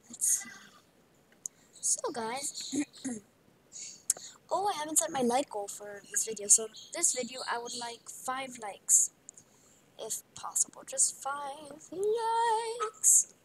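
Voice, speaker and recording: High-voiced woman whispering through gameplay. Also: background noise. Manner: playful, rambling, drops into whispers. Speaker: gaming video creator. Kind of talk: casual gameplay commentary.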